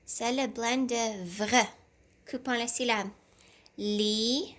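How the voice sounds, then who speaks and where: Slow, gentle woman teacher. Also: on the high side, fairly even intonation. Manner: slow and deliberate, sounding out syllables. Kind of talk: reading lesson for young children. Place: at home.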